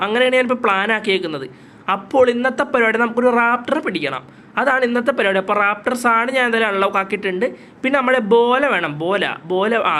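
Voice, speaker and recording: A fast-talking man with a high, bright voice runs through casual gameplay commentary. He is chatty and keeps calling out to his viewers, and a nagging cough has left his voice slightly hoarse. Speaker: gaming channel host.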